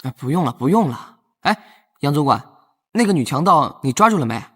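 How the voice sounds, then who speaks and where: An actor playing a carefree young rich master, a son who is playful, whiny and joking. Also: male voice, a little high, big pitch swings, fairly quick, fairly bright tone, breathy edge, heavily acted. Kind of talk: TV drama acting.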